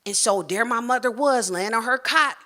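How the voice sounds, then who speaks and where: A woman, telling a personal story live on stage and acting out the voices she quotes. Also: moderate pace. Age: 40s. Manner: animated, acts out quoted voices with big pitch jumps.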